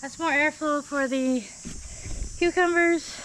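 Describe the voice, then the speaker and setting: A woman's voice: sits high, steady tone, slow, a bit bright, a little hiss or hum, low-quality recording. A woman from South Dakota giving a candid, rambling update on her vegetable garden outdoors. She is out of breath and uses many fillers. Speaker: gardening vlogger. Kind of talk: casual garden update chat.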